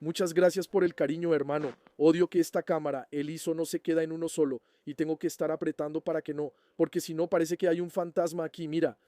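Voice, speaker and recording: Man, casual host, answering viewer questions, chatty, warm tone, dry close sound. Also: a little high, level tone, fast talker, hardly any pauses, no room sound. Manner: chatty, keeps checking in with the listener. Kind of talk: casual explanatory chat.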